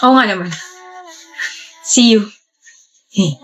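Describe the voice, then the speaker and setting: A woman performing scripted comedy-skit dialogue in a playful, excitable way, with sudden shouts. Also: medium pitch, takes it slowly, soft background music.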